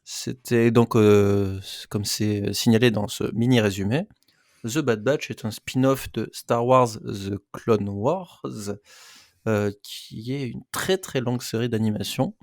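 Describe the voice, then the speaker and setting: A man's voice: lowish voice, slow, darkish tone, no room sound. Podcast co-host guy, jokey, stumbles with euhs, dry mic. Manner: hesitant, joking, many fillers. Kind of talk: casual podcast chat.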